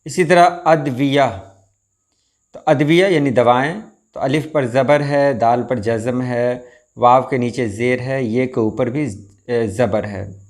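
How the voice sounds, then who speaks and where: A man's voice: medium pitch, a little mellow. A man teaching Urdu pronunciation, saying each word and then patiently spelling out its vowel marks. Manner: measured, stresses each word before spelling out its diacritics. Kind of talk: slow explanatory lesson.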